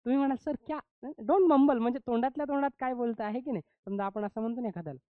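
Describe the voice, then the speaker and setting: A man teaching an English grammar class, asking the class rhetorical questions and slowing down to model English sentences. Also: very high-pitched, clean tone, dry recording. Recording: dull, muffled lo-fi sound.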